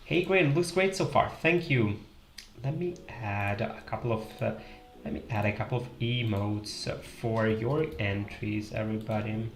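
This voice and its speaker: Drawing on a live stream, a young Italian man talks casually to his viewers with an Italian accent, thinking out loud and leaning on fillers. His voice is fairly low at normal speed. He's a livestream host on a headset in a small room indoors, where the audio echoes and faint music plays.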